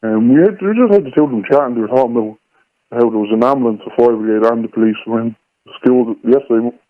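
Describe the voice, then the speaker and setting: A man's voice: mid-range voice, quick pace. A father, his voice electronically disguised, telling plainly what happened in a recorded radio interview. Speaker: father of a schoolboy. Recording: tinny phone-like line.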